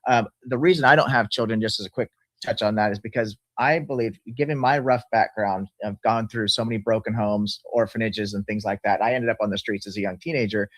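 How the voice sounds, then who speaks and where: A man in his early fifties talks quickly and earnestly in a casual discussion. His thoughts run on at length. The sound is dry and close, with no room around it. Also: lowish voice, steady tone, dry recording. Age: 50s. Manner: earnest, rambling, explains with laughs. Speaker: channel host.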